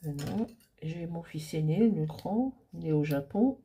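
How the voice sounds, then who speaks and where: A middle-aged woman crafter talking casually through a paper-crafting project, chatty and hesitant, with many pauses and fillers. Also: sits low, expressive, warm tone, breathy edge.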